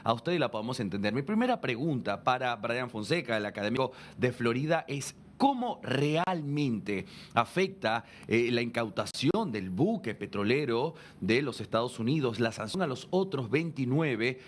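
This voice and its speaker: A man's voice: mid-range voice, sing-song, moderate pace. A man who is a native Spanish speaker, hosting a live news interview, explaining and interpreting for viewers and correcting himself as he goes. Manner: self-correcting, explanatory, addressing viewers directly.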